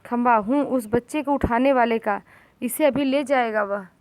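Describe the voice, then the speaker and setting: A woman's voice: fairly high pitch, moderate pace, no echo. A woman teacher reading a school play aloud to a class, voicing every character in turn. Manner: reads the play aloud, giving each character's line in turn.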